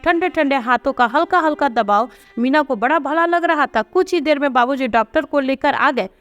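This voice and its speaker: A woman narrating a family story in a steady, expressive reading voice. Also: sits high, normal speed, muffled recording.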